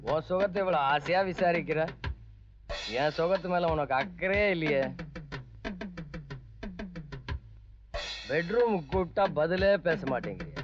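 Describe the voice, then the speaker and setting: A man's voice: fairly high pitch, normal speed, natural voice. A man playing a drunk leering womanizer. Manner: swaggering, sly, leering. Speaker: [name]. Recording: dull old film soundtrack with music.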